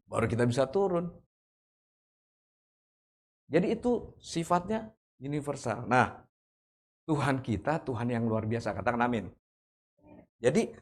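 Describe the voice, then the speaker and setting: Higher-voiced casual preacher. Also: male voice. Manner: casual preaching, addresses congregation as saudara, asks for amen; acts out shouting examples for contrast. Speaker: pastor. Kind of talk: sermon.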